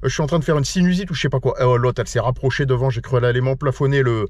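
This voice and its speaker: Speaking very fast in a medium-pitched, darkish voice with fairly even intonation, this Frenchman vlogs to his camera while driving on a road trip. The action camera in the car still yields clean, echo-free, studio-like sound. Congested but playful and chatty, he repeatedly addresses his audience as "les loulous."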